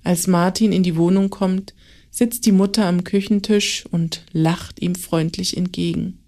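Calm woman reading a story. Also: lowish voice, a little slow. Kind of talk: scripted children's story narration.

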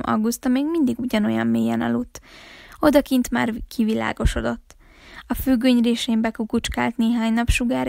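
A woman reading a novel aloud for a library, with calm, steady storytelling. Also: fairly high pitch, creaky, dry recording, clean studio sound. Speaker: library reader.

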